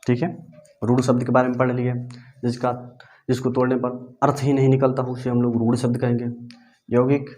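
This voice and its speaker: Man, teacher, grammar lesson, mid-pitched voice, asks and answers his own questions, slow dictation, writing on a board. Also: completely flat delivery, a little mellow. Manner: repeats questions to students and answers them himself; dictates slowly for note-taking.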